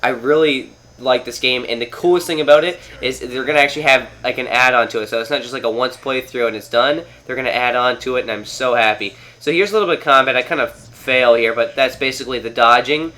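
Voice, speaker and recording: A Canadian man with a cold, his voice nasal and mid-range, rambles casually through a video game he's playing on a TV at home. He's a gaming video host, talking fast and forcefully in a bright tone with few pauses. His commentary is full of fillers and restarts.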